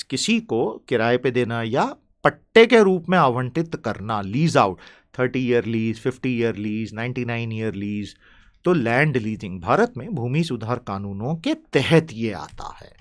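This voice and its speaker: A man with an Indian accent teaching English vocabulary, chatty and playful, slowly stretching out the key words. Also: mid-range voice. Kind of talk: spoken vocabulary lesson.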